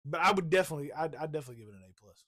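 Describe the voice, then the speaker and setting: A man's voice: on the high side, rapid-fire, bright, forceful tone, no room sound, studio quality. A man co-hosting a casual movie review podcast, laughing often and acting out scenes as he retells them. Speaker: podcast co-host.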